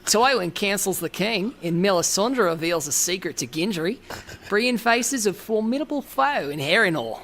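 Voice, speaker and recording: A man's voice: high-pitched, expressive, moderate pace, a bit bright. A man reading an episode summary aloud in a hammy put-on Australian accent.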